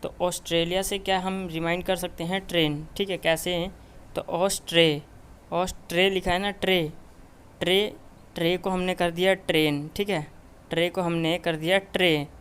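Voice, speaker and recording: A man's voice: high voice, flat delivery, normal speed, a bit bright, clean tone. A man teaching a memory tutorial, explaining step by step and checking in with "okay" after nearly every phrase. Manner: repeats "ठीक है" and short checks constantly. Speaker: memory trainer teaching mnemonics.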